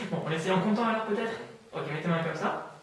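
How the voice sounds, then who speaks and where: A higher-pitched man leads an amateur hypnosis session, repeating calm suggestions in a soft, lulling way and often stumbling over fillers. He sits some way from the mic in a very echoey room with faint background hiss. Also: far from the mic. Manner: slow soothing repetitive suggestions; hesitant, many fillers.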